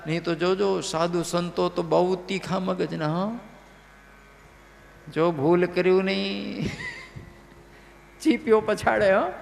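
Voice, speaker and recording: A man telling a devotional story as a sermon, animated and checking in with listeners. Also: high-pitched, gravelly. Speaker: religious storyteller. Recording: live hall reverb, faint music.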